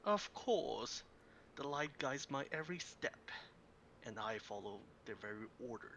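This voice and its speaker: Man as devout mortal warrior for tabletop game; formal, measured phrasing, faint background noise. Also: mid-range voice, animated, fairly bright tone. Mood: earnest, devout. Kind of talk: tabletop role-play in character.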